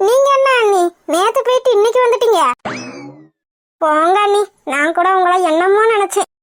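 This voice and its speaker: A woman's voice: very high voice, fairly quick, no echo. A woman voicing a cheeky young village woman who teases and mocks in a cartoon. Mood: teasing. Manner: teasing, mocking, chatty. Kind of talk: cartoon voice acting.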